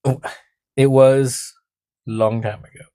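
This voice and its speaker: A man's voice: mid-range voice, level tone, slow pace, dark tone, clear, resonant tone, no room sound, clean studio sound. Playful man co-hosting a podcast. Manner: explains the topic with laughter and playful jokes. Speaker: podcast co-host. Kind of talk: casual podcast chat.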